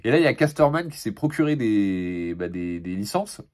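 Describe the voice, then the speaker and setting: A young man casually reviewing his latest manga purchases in a relaxed, chatty way, with many fillers and restarts and laughs between remarks. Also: on the low side, moderate pace.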